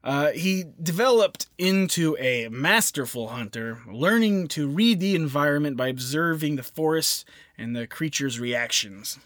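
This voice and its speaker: Man, podcast co-host, casual storytelling, animated, higher voice, dry close sound. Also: no echo. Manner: animated, laughs easily, quick asides.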